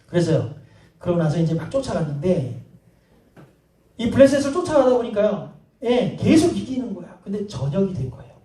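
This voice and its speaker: A male pastor preaching a sermon, telling a story with lively acted-out dialogue and asking the congregation questions. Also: high-pitched. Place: church sanctuary. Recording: roomy hall sound from a distant mic.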